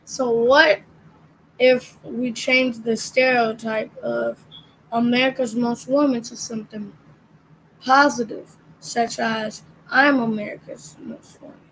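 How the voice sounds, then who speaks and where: A young girl reads a picture book aloud, carefully sounding out each line and occasionally stumbling over words. Her slightly high, fairly bright voice moves very slowly and deliberately with fairly even intonation. The recording is rough, with faint background noise beneath.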